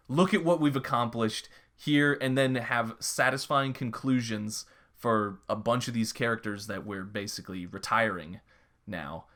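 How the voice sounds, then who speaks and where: A man's voice: mid-range voice, a bit bright. Rambling young man chatting on a podcast. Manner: rambling, lots of restarts and filler. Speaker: podcast co-host. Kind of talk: casual chat.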